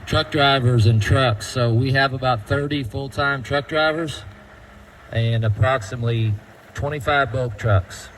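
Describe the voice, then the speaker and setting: A man's voice: mid-range voice, steady tone, measured pace, fairly bright tone, a little hiss or hum, low-quality recording. Folksy man leading a tour. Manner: folksy, quizzes the crowd. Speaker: tour guide at a feed mill. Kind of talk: guided tour talk to a group.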